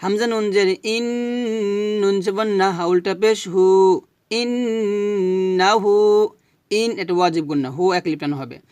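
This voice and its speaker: Man teaching recitation syllable by syllable; high, clear voice, dry close sound. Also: a little mellow, dry recording. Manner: spells syllables slowly, then recites drawn-out Arabic. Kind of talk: spelling out Arabic recitation lesson.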